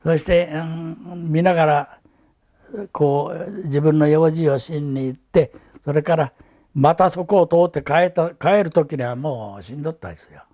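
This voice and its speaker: An elderly man with a Hiroshima accent gives oral testimony as a survivor, telling his memories in a halting, reflective way. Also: a little high, warm tone. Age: elderly, 80s or older. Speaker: atomic bomb survivor giving testimony. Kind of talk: recorded oral testimony, reminiscing.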